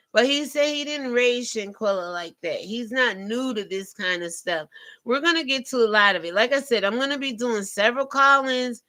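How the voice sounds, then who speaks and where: Bright, forceful woman hosting a call-in show. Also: medium pitch. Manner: emphatic, conversational, direct questioning of listeners. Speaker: live call-in show host. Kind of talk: informal live commentary, addressing listeners.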